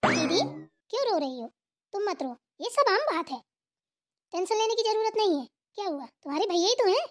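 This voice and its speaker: A woman voicing a gentle young wife who consoles and rambles about her complaints, in a cartoon. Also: extremely high pitch, big pitch swings, fairly quick. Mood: consoling. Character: gentle young wife, bhabhi, soothing and chatty. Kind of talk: cartoon voice acting.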